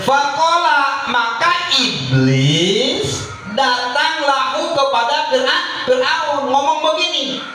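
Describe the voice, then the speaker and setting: Male preacher, unhurried humorous sermon, far from the mic with faint background hum. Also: very high voice, animated, pushed and bright, soft background music. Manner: jokey, chuckling storyteller, chanting Arabic phrases slowly. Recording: echoey hall from far off.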